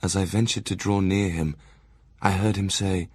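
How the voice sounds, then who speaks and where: An actor playing a serious, conscientious Victorian doctor narrating his diary and letters in an audio drama, measured and formal. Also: low voice, steady tone, darkish tone, breathy edge, no room sound, clean studio sound. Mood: urgent, grave.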